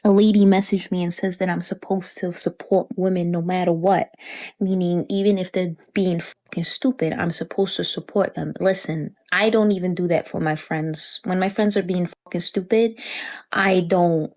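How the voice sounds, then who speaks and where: A woman's voice: fairly low pitch, steady tone, normal speed, darkish tone. A woman ranting bluntly, with profanity. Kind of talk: casual rant.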